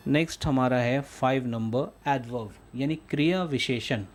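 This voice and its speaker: A man's voice: medium pitch, moderate pace. A man teaching English grammar in a lesson, patiently reading out English definitions and explaining each one in Hindi.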